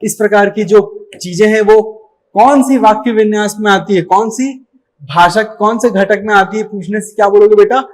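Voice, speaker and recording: A man's voice: high-pitched, steady tone, moderate pace, low-quality recording. A young man teaching a live online exam-prep lesson. He explains step by step, calls his students "beta", and asks the class questions that he then answers himself. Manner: calls students 'beta' affectionately.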